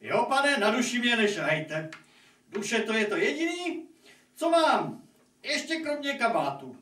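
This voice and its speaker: A man's voice: very high-pitched, very animated, bright, forceful tone, full character voice. A man voicing a hapless, good-hearted poor hero in a puppet fairy tale, folksy and plaintive. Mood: resigned. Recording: echoey room, distant microphone, noisy.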